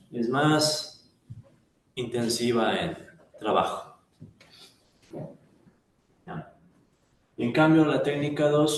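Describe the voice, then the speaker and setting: A man's voice: medium pitch, reverberant, a little hiss or hum. A man lecturing a class, chatty and full of tag questions. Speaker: economics lecturer.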